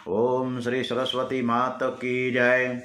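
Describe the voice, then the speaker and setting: A man narrating devotional scripture stories in a measured, reverent way, chanting the opening invocations. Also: medium pitch, completely flat delivery, fairly bright tone, a little hiss or hum. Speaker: devotional storyteller. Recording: roomy echo.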